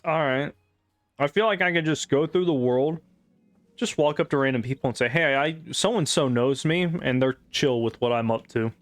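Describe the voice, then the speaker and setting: A man's voice: mid-range voice, moderate pace, no room sound, faint music behind. A man giving casual, rambling gameplay commentary, sarcastic and full of swearing. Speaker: gamer.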